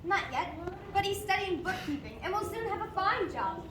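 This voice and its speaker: Casting: actress as very high-pitched romantic young woman, earnest and proud, stage drama, noisy distant recording. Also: very animated, normal speed. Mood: defiant. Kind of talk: amateur stage play acting. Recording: distant, echoey room, noisy.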